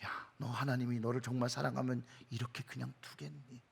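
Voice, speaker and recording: A pastor putting on a sly whispering Satan. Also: male voice, high voice, fairly even intonation, brisk. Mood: taunting.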